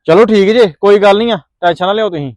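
A man playing a calm younger brother who consoles his brother-in-law on the phone. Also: sits high, fast talker, no echo, dull audio, close to an everyday voice. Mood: consoling. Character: younger brother of the mother, reassuring on a call. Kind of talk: family drama vlog acting.

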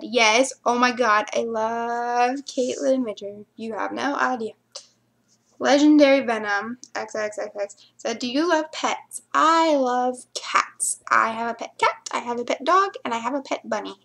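A woman's voice: a little high, creaky, a bit bright. A young woman chatting casually to camera, answering viewer questions and rambling into mumbled asides.

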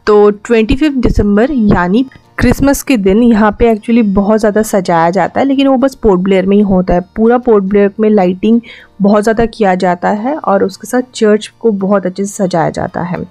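A woman's voice: medium pitch, brisk, warm tone, no echo, faint music behind. Chatty young woman vlogger narrating. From Andaman Islands. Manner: chatty, explanatory, mixes English words into her Hindi. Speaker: travel vlogger. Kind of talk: voice-over narration of a road trip.

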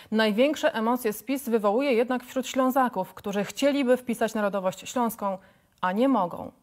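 Higher-voiced female news anchor. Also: darkish tone. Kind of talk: scripted studio news introduction. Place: TV studio.

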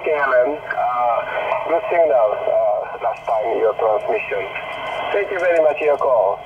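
A man's voice: medium pitch, lively intonation. Japanese man on a crackly shortwave ham radio call. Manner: halting, broken English with many pauses and fillers. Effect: heard over shortwave radio from a car receiver. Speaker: amateur radio operator answering a call. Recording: muffled shortwave radio with loud static. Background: heavy radio static and hiss.

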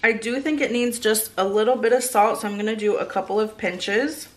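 A woman's voice: fairly high pitch, a little fast. Woman cooking casually over kitchen sizzle. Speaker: home cook and vlogger. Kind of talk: casual cooking instruction to viewers. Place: home kitchen. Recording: clear frying and kitchen noise. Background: sizzling food, stirring.

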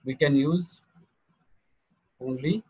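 A male programming teacher with a Marathi accent giving an online class over a video call, quizzing students and dictating notes slowly. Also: medium pitch, husky, no room sound, dull audio.

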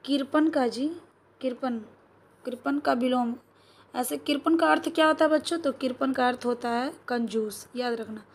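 A woman teacher with a Bihari Hindi accent goes through exam questions, asks her class questions and answers them herself, and keeps checking whether it is clear. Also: sits high, unhurried.

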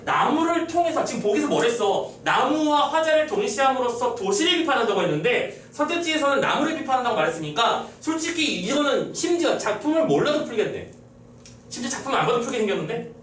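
A man's voice: very high voice, very animated, quick pace, fairly bright tone, slight background noise. A young man lecturing on a poem for exam prep, talking casually and teasing his students. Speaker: Korean literature lecturer. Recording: echoey room, mic at a distance.

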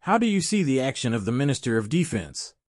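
A man's voice: mid-range voice, very animated, fast talker, background noise. A man reading scripted narration as the narrator of an online channel.

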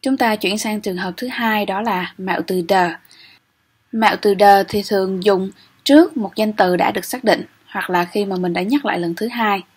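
Young woman, breathy voice, grammar teacher, steady lecture, checks in with "ok?". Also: medium pitch, moderate pace. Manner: explains step by step, often checks with "ok?". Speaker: English teacher. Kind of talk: exam-prep grammar lecture.

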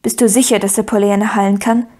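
A woman's voice: medium pitch, flat delivery, quick pace, mellow, natural voice. A woman reading an audiobook, voicing a stern, proud older aunt who speaks in a clipped, commanding way. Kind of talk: audiobook character voice.

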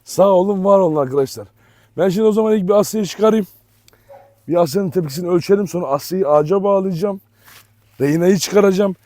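A man's voice: sits high, fast, no echo. A man talking casually to his viewers outdoors while giving firm commands to his dogs and calling them pet names. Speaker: dog owner and vlogger. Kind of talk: casual vlog commentary to viewers. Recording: loud barking dogs and outdoor noise. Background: dogs barking.

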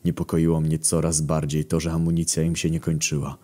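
Deep-voiced man narrating a comic story. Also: monotone, a little fast, mellow.

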